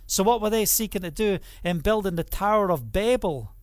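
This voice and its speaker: Delivering a sermon in his Scottish accent, this middle-aged man from Scotland reads passages of scripture before unpacking them, often asking the congregation a question and supplying the answer. He sounds high-pitched and expressive, speaking at a moderate pace in a clean studio with no room echo.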